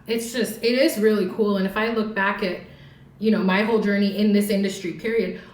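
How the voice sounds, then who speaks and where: A woman's voice: mid-range voice, fairly even intonation, fairly quick, echoey room. A woman in her forties from Southern California, a hairstylist talking candidly and casually, with laughs and swearing, as a podcast guest. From Orange County, California.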